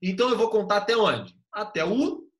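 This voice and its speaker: A man's voice: high-pitched, big pitch swings, fairly quick. A young male teacher giving an online class over a computer mic, explaining step by step in a patient, casual way with easygoing slang.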